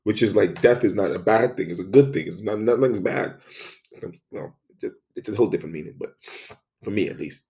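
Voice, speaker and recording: Gravelly low-voiced man musing intensely. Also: a little fast. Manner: intense, emphatic, repeats phrases, swings between loud and soft. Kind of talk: philosophical spoken monologue.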